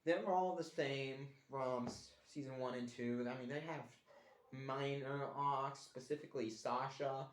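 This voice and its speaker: A man casually reviewing a cartoon show in a put-on Australian accent, rambling and restarting his sentences. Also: mid-range voice. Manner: rambling with restarts, mock-complaining. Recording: echoey room.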